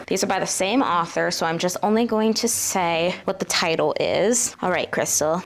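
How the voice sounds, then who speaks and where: A woman book vlogger in casual chat, talking directly to her viewers and to her crystal pendulum as she asks it questions. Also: medium pitch.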